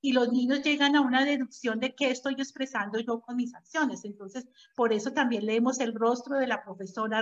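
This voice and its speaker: A woman, a preschool teacher explaining her ideas in an interview and telling anecdotes from her classroom. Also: a little high. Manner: explanatory, uses personal anecdotes. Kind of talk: conversational interview. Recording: dull lo-fi audio.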